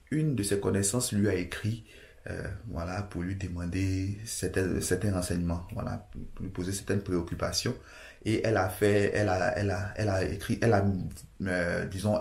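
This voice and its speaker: A man's voice: on the low side, darkish tone, reverberant. A man from Côte d'Ivoire giving casual immigration advice to camera, hesitant, with many restarts and fillers.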